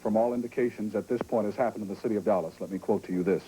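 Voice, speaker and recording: A man's voice: lowish voice, racing, warm tone, a little hiss or hum, poor audio. A man anchoring a live breaking-news broadcast, out of breath and urgent as he reads a wire bulletin.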